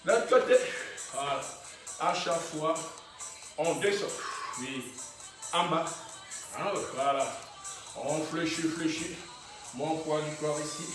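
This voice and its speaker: A man's voice: fairly high pitch, slow pace, long pauses. A man leading a fitness class, calling out short encouraging exercise cues and chuckling often. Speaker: fitness instructor. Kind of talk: workout class instruction. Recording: very echoey room, voice from a distance, faint music.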